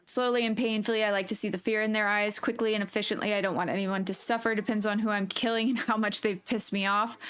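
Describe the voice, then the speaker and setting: A woman's voice: mid-range voice, steady tone, fast talker, hardly any pauses, a bit bright, clean tone. A woman casually commenting on a game she streams. She reads choices aloud and swears now and then. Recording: faint game music behind.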